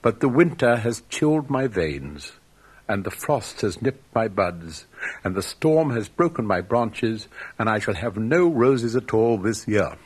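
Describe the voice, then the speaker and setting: Man playing a grave, husky old rose tree. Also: fairly low pitch, expressive. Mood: sorrowful. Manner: slow, solemn, drawn-out theatrical delivery.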